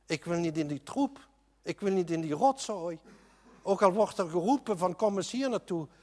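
A man's voice: sits high, lively intonation, normal speed, long reverb tail. A man preaching a sermon in an earnest, emphatic way, often restarting his sentences.

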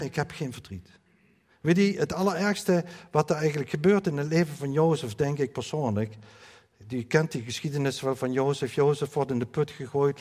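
A middle-aged man, a pastor giving a sermon, talking to his congregation in a direct, conversational way. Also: mid-range voice. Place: church. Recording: long hall reverb.

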